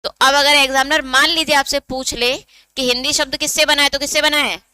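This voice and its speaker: Bright, high-voiced woman teaching a lesson. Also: steady tone, fairly quick, no echo. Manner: explains step by step, asks students questions and answers them herself. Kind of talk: online exam-prep lesson.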